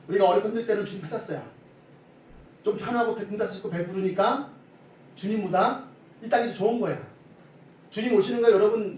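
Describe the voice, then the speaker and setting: A man preaching a Sunday sermon as pastor, lively and often asking the congregation questions. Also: high voice. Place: church sanctuary. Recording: echoey hall from far off, faint hiss.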